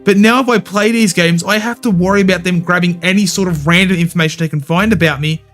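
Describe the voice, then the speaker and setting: A man's voice: high-pitched, fairly even intonation, fast, fairly bright tone, faint music behind. A man hosting a gaming commentary channel, talking bluntly with opinions and casual swearing. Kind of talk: scripted video commentary.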